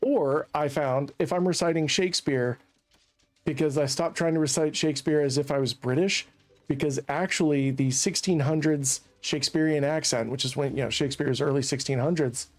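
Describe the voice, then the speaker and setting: A man from Central Virginia, USA, streams a colony game and chats casually about it, rambling, joking, and laughing at his own jokes. His voice is a little high and his pace moderate.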